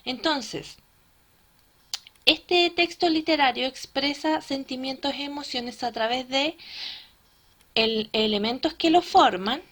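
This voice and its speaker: A woman's voice: high-pitched, takes it slowly, pauses often, fairly bright tone. A woman teacher explaining a lesson step by step and checking understanding with frequent tag questions. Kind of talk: recorded classroom lesson.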